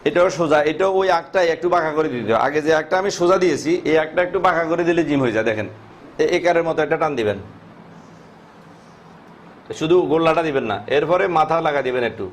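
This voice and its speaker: A man's voice: on the high side, fast, a little hiss or hum. A man teaching how to pronounce Arabic letters, asking questions and answering them himself, drawing out each letter's sound. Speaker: Quran teacher.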